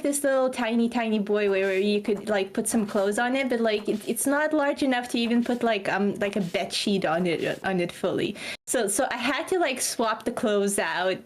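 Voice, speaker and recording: A woman chatting casually on a stream, reading her chat aloud and rambling with frequent laughter. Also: fairly high pitch.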